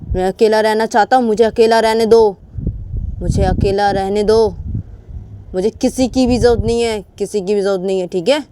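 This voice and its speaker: A woman's voice: medium pitch, steady tone, normal speed, dark tone, a little hiss or hum, pitched above the performer's own voice, close to an everyday voice. A woman voicing an angry, hurt young man in a storybook romance, bitterly repeating himself as he pushes his wife away.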